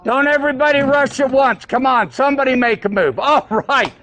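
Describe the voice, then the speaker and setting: A man's voice: very high voice, fairly quick, a bit bright. A man acting as emcee at a live event, making casual announcements in a folksy, joking way.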